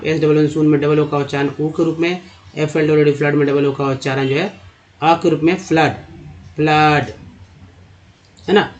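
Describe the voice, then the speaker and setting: A man teaching English pronunciation to viewers in Hindi, calling them friends and repeating sounds slowly to drill them. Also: a little high, a little mellow. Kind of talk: explaining to viewers. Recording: dull lo-fi sound.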